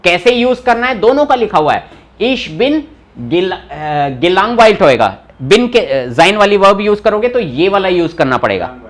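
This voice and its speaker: A young male language teacher with a high, very lively voice that swoops up and down. He takes his time and explains each word patiently, calls on students by name, and scolds them lightly when they forget the rules. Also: unhurried. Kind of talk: live online class teaching.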